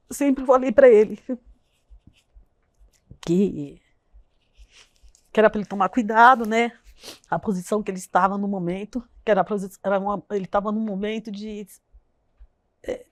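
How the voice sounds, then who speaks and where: A woman tells a painful personal story as an interview guest. She speaks haltingly, repeating herself and acting out the dialogue of others. Her voice is mid-pitched and sounds dry and close. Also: steady tone, dry recording. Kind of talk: emotional personal account.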